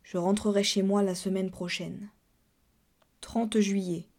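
A woman narrating a classic French story aloud in a measured, subdued and expressive reading. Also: medium pitch. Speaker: reader. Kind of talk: literary audiobook narration.

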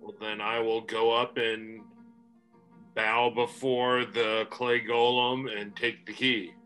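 A man playing a tabletop fantasy game, stating his moves in measured, casual table talk. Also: mid-range voice, flat delivery, fairly bright tone, faint music behind, low-quality recording.

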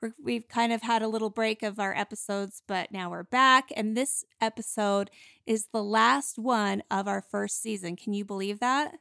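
A woman's voice: mid-range voice, moderate pace, vocal fry, pushed and bright, no echo, studio quality. A woman from Utah co-hosting a podcast in giggly, chatty conversation. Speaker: podcast co-host. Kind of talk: casual chat.

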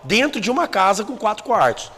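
A man's voice: high voice, very animated, brisk, a bit bright, long reverb tail. A man with a Brazilian Portuguese accent in a casual podcast chat, telling a personal story bluntly and emotionally with plenty of swearing. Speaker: guest telling his life story.

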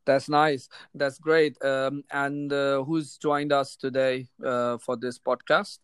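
A man's voice: medium pitch, flat delivery, slow pace, smooth, dry recording, studio quality. A man with a Pakistani accent hosting a podcast in casual conversation. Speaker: podcast host. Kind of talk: casual chat mixing in Urdu phrases.

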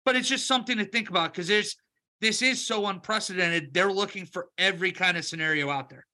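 A man co-hosting a casual sports podcast, talking through playoff scenarios and betting picks in a quick, wry way. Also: sits high, pushed and bright. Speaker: podcast co-host, picks analyst.

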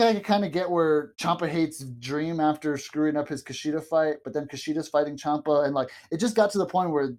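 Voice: medium pitch, a little mellow. A podcast co-host talking from inside a small closet, chatting loosely about a wrestling show with fillers and laughs. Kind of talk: casual wrestling show review chat.

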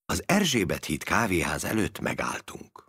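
A man with a very low, gravelly voice reads a literary passage in an unhurried storytelling manner, as a podcast host. The sound is dry and close, with no room behind him. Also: huge pitch swings, a bit bright, no echo. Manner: measured, storytelling delivery. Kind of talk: reading literary prose aloud.

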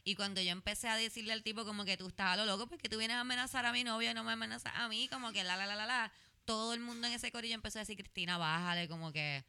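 A woman's voice: fairly high pitch, very fast, vocal fry, clear, resonant tone. A young woman with a Puerto Rican Spanish accent, chatting casually as a podcast co-host and telling stories with lots of slang. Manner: animated storytelling, frequent slang and English mixing. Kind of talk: casual chat.

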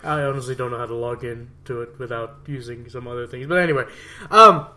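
A man's voice: medium pitch, fast, sharp tone. A man co-hosting a casual podcast chat, often stammering and restarting, laughing now and then. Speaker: podcast co-host.

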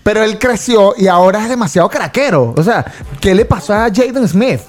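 A man's voice: sits high, animated, a little fast. A young Venezuelan man co-hosting a casual comedy chat, teasing in slang and laughing often. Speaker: podcast co-host.

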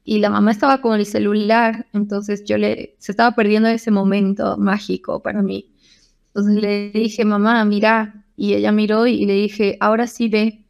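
A woman's voice: mid-range voice, flat delivery, moderate pace, gravelly, a little mellow, highs cut off. A woman from Bolivia, an eye doctor, telling clinic anecdotes in a casual interview, full of fillers and acted-out quotes. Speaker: ophthalmologist guest.

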